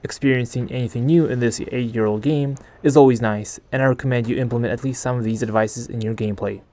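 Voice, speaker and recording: A man narrating a game guide in a hushed, partly whispered voice, as if recording late at night. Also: medium pitch, fairly even intonation, fast. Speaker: gaming video host.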